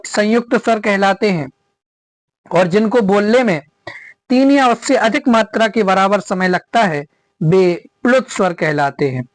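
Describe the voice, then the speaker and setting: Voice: medium pitch, no echo. A teacher giving a grammar lesson, repeating each definition and checking in with rhetorical questions.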